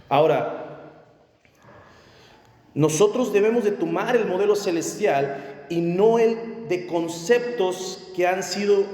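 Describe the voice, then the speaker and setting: A man preaching a sermon, animated and often asking the audience questions. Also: sits high. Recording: echoey church hall.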